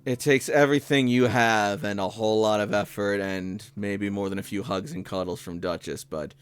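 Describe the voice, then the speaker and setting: A man narrating a tabletop role-playing game as game master, measured, with pauses mid-sentence. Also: lowish voice, steady tone, clean tone.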